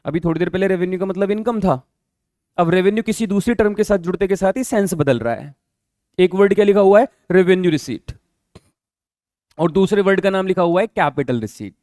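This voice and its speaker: A man's voice: high voice, lively intonation, fairly quick, a little mellow, dry recording, clean studio sound. A man teaching an accounting class, explaining patiently, repeating key terms and checking often whether the students have understood. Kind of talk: classroom lecture.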